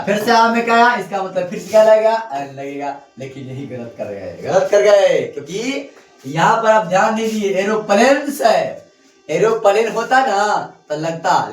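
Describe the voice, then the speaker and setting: A man teaching a grammar lesson to students, repeating points and asking them questions as he goes. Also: high voice. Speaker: English teacher. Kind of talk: classroom lesson explaining grammar. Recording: echoey room, mic at a distance, faint music.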